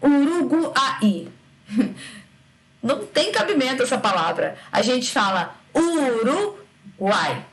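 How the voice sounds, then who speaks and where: A woman teaching a recorded grammar lesson, lively, stretching syllables out to demonstrate sounds and checking in with her students often. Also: a little high, measured pace, vocal fry, pauses often.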